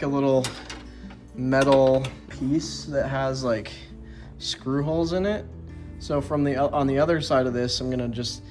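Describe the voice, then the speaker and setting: A man casually talking through a home build, rambling and restarting, now and then chatting to his dog. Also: mid-range voice. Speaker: DIY vlogger. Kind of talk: casual on-camera project talk. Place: indoors at home.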